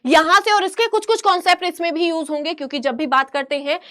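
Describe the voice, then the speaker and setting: A woman's voice: very high voice, steady tone, fast, pushed and bright. A woman teaching an exam-prep chemistry lesson, emphatic and repetitive, calling her students beta. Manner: emphatic, repeats phrases, calls students beta.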